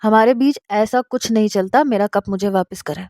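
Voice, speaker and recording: A woman's voice: mid-range voice, dark tone, no room sound, clean studio sound, close to an everyday voice. A woman voicing a scolding young wife. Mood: indignant. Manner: firm, scolding. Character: young wife, orderly and indignant.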